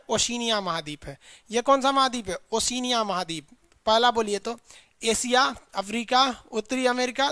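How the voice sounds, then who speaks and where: A man's voice: very high-pitched, sharp tone, no echo. Man drilling a class in a dry room. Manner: drills students with repeated call-and-response lists; colloquial, chiding asides to students. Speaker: teacher. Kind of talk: live online class lecture.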